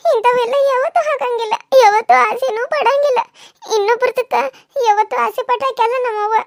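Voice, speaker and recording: Cartoon role: woman playing a crying village girl, North Karnataka accent, very high shrill voice, dry studio sound. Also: a little fast, dry recording. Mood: tearful. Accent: North Karnataka Kannada. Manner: pleading, sobbing. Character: tearful teenage village girl, desperate for her mother. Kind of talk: cartoon serial voice acting.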